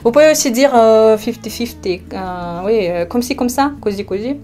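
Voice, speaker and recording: A woman from Russia with a Russian accent, a language teacher explaining words slowly with hesitations and repeated examples. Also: a little high, expressive, warm tone, faint music behind. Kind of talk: online language lesson.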